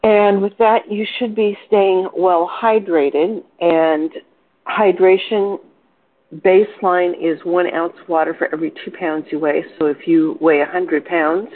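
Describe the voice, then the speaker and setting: A woman's voice: on the low side, fairly even intonation, unhurried. Older woman hosting a tinny phone call. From Portland, Oregon. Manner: cheerful, chatty, with fillers and self-corrections. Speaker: host of a wellness support call. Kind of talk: informal coaching talk on a conference call. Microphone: telephone. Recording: phone-line conference call.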